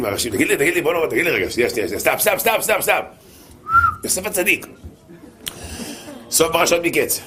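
A man preaching a humorous sermon, telling anecdotes in an animated way with many repetitions. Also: a little high.

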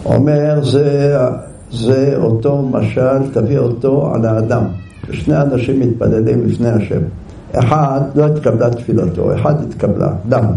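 Gravelly preacher, animated parable-telling; distant, roomy recording with faint hiss. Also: male voice, medium pitch. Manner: animated, acts out the characters. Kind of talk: sermon storytelling.

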